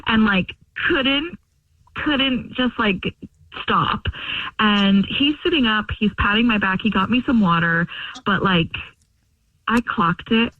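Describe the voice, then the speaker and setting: A young woman with a medium-pitched voice speaks slowly as she calls in to a radio show, chatty and rambling with lots of fillers. The recording is dry and comes over a phone line that sounds far off.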